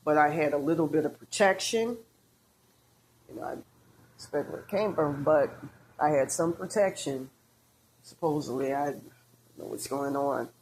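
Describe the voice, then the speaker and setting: This low-voiced woman, a tarot reader with a darkish tone, drifts through a rambling monologue at normal speed, with long pauses, frequent fillers and repeated restarts. She comes across as woozy and breathless over a faint background hiss.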